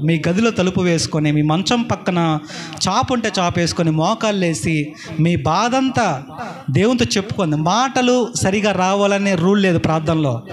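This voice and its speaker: A male pastor preaching a sermon in an emphatic storytelling manner, full of rhetorical questions. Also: sits high.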